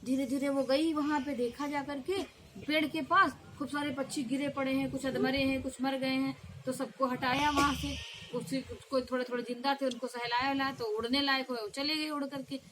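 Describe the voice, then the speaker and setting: A woman telling a children's folk tale in an animated way, with sound effects and acted voices. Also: sits high, brisk, a little hiss or hum. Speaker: storyteller.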